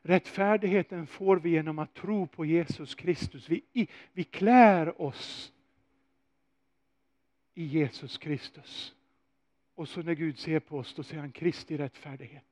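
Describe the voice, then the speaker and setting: Animated male preacher, dry close sound. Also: a little high, no echo. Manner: animated storytelling, rhetorical questions. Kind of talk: sermon.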